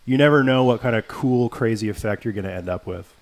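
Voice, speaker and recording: A man with an ordinary mid-range voice, co-hosting a relaxed livestream. He reads chat questions aloud and answers with a joking, playful tone. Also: mid-range voice, quick pace. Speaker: studio director co-hosting a livestream.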